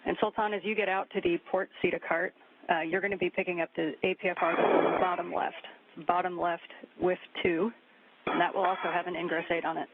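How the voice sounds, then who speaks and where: A man's voice: high-pitched, level tone, brisk. A man at mission control giving clipped, procedural instructions over a crackly radio link like a spaceship communicator. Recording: tinny radio line with faint hiss.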